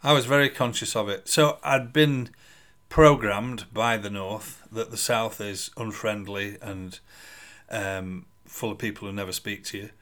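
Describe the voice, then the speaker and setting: Lowish-voiced man in conversation. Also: steady tone, unhurried, fairly bright tone. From Sheffield, England. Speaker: podcast co-host. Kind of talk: casual conversation.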